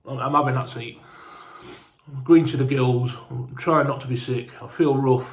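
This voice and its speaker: A man's voice: medium pitch, fairly even intonation, moderate pace, reverberant. A man telling a casual, rambling travel story, sweary and chatty, sounding hungover and unwell. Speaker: fan vlogger.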